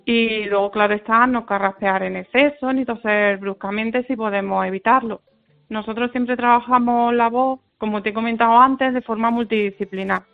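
A woman explains voice care as a radio guest. Her voice is slightly high with some gravelly fry. It comes through a thin, phone-like line, measured and unhurried. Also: fairly even intonation. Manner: measured, explanatory, with thoughtful pauses. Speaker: speech therapist guest. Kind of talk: radio interview answers.

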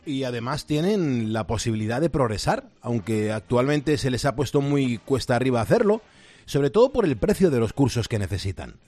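A man presenting a scripted radio report, clear and measured. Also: mid-range voice, animated, mellow, no room sound.

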